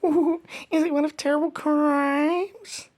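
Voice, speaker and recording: A woman's voice: sits high, fairly even intonation, slow pace, darkish tone. A woman in comic banter playing an eager, childlike servant, deferential yet teasing.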